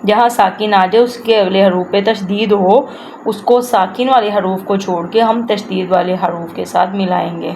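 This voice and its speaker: A woman leads a Quran recitation lesson in a middle-pitched voice. She draws each phrase out slowly and repeats it, then explains the rules in a plain, patient way. A faint hiss of background noise sits under her voice. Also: steady tone, darkish tone. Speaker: Quran teacher.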